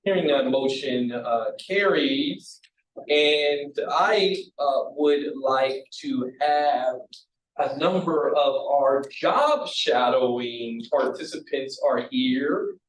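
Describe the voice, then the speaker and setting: A man chairing a college council meeting, relaxed and joking between agenda items. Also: medium pitch, slow pace. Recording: echoey room from far off, faint hiss.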